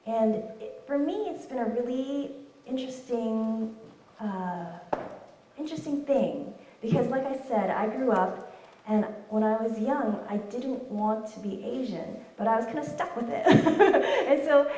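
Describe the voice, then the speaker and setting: A woman in her thirties, an author and illustrator, answers audience questions in a casual Q&A, chatty and laughing often, with many fillers and restarts. Her voice is a little high, warm and measured. The room is echoey and the mic sits at a distance.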